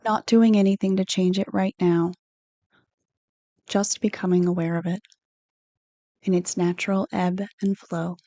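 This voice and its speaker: With a soothing, unhurried delivery, a woman reads a guided meditation script in the relaxed style of a counselor. Her instructions are gentle and her pitch stays flat and steady. No room echo colors the close, dry audio.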